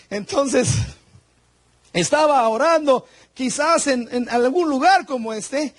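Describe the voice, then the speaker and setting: A man with a strikingly high voice delivers a fervent sermon, swinging between personal testimony and forceful scripture reading. The sound is dry and close. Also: takes it slowly, no room sound. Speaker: guest preacher. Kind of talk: Pentecostal sermon.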